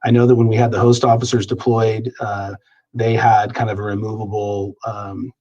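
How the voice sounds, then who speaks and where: A man serving as police chief answers questions at a public meeting in a measured way with many hesitations, heard over a video call. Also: on the low side, level tone, mellow, dull audio.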